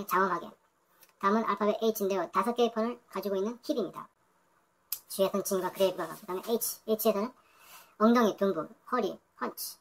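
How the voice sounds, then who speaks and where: A woman's voice: mid-range voice, a bit bright. A woman going through English vocabulary entries one by one, repeating each word several times and adding her own remarks. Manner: repeats words over and over, thinks aloud. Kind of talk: reading dictionary entries aloud with comments.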